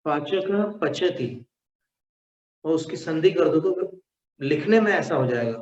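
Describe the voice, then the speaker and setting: A man teaching a slow lesson on pronunciation, demonstrating sounds syllable by syllable. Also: a little high, animated, darkish tone. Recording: echoey room, dull lo-fi sound.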